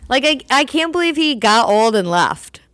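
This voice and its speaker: Brief: young woman, smooth clear voice, brisk podcast co-host. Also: high-pitched, big pitch swings, fairly bright tone, no echo, clean studio sound. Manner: brisk, matter-of-fact, quoting stats. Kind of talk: casual chat.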